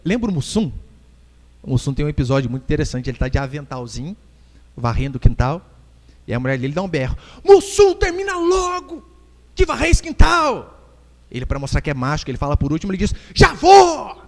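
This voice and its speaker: A man with a Brazilian Portuguese accent preaches from the pulpit of a church hall, his voice high and swinging up and down constantly. He jokes with the congregation and plays out quick scenes while making his point. The sound carries a long echo from the room. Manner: animated preaching with jokes and acted-out quotes. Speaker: pastor. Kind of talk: sermon.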